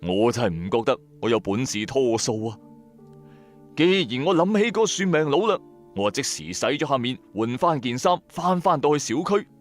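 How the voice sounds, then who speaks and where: With a fairly high-pitched voice, a man voices the lead of a radio drama: a bankrupt, hard-pressed electronics trader who is hot-tempered and streetwise. He narrates his own story in the first person, in a colloquial, emphatic style, with background music under his voice.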